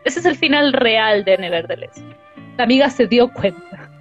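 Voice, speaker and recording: A young woman with a Chilean accent chatting casually, retelling a story in lively slang and acting out bits of dialogue. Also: fairly high pitch, normal speed, highs cut off. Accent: Chilean Spanish. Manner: animated, slangy, acts out lines of dialogue. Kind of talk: casual chat recapping a story. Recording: faint music behind.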